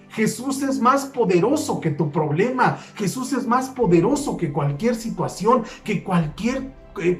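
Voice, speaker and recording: A man's voice: sits high, a little mellow. A man preaching a sermon, emphatic, repeating his key phrases and counting off numbered points. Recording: roomy echo with faint music.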